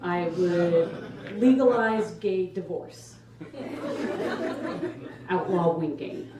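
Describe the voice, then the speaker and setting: A young adult woman does a stand-up comedy set for an audience, casual, conversational and emphatic. Her voice is lowish and she speaks extremely slowly. The live room is echoey, the mic is distant, and there's background noise with audience laughter.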